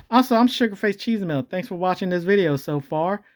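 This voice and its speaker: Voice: lively intonation, moderate pace. A video host talking through a voice changer that morphs the voice, rambling jokily and correcting themselves as they go. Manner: jokey, rambling, self-correcting, pitch jumping around. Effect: voice changer that shifts and morphs the voice. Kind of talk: rambling comedic commentary.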